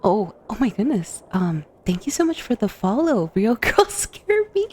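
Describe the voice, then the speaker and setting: A woman VTuber chatting casually with her livestream in an expressive, informal way, close to a USB microphone. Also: mid-range voice, unhurried, husky. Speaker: VTuber streamer.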